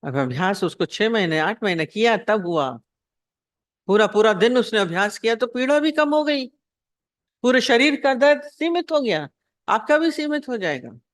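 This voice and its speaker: A woman's voice: fairly high pitch, expressive, normal speed, dry recording, clean studio sound. A woman spiritual teacher giving a devotional discourse. She asks rhetorical questions, repeats her points and acts out short anecdotes.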